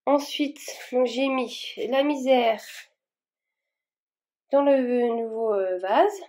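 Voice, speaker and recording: Her voice on the high side and warm in tone, a woman speaks very slowly as she vlogs about repotting her plants. The talk rambles, full of fillers and restarts, and the work has left her a bit warm and tired.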